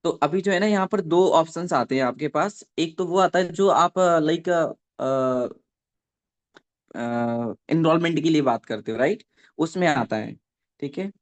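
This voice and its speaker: A man with a slightly high voice runs a live web training on network marketing. He reads out points slowly for note-taking and pauses to check on his listeners nearly every sentence.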